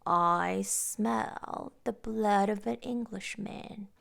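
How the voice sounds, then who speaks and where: A woman voicing a huge, fierce male giant who bellows slow threats in a storybook reading. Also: medium pitch, vocal fry, fairly bright tone, exaggerated voice. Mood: menacing.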